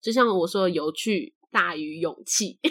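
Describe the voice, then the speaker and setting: A woman's voice: lowish voice, husky. Chatty young Taiwanese woman host. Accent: Taiwanese Mandarin. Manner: chatty, laughs often, trailing sentence ends. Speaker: podcast host. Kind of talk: casual chat.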